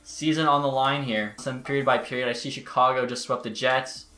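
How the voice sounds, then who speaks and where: Chatty gamer guy, bright and roomy. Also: mid-range voice, steady tone, brisk, faint music behind. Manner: chatty, exasperated outbursts. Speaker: gaming YouTuber. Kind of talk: casual gameplay commentary. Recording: roomy echo.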